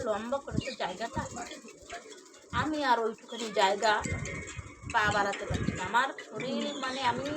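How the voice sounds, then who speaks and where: A woman's voice: on the high side, noisy background. A woman casually telling a true ghost story to her viewers, rambling and repeating herself, often addressing them as friends.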